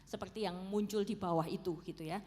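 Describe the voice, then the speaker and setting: A woman preacher with a Javanese accent answers questions in an easy, conversational way and keeps checking in with her audience. Her voice is mid-pitched. The sound carries a long reverb from a church hall. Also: steady tone, fast talker, darkish tone, slight background noise. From Solo, Central Java. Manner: conversational, often checks in with "ya kan". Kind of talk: church Q&A talk.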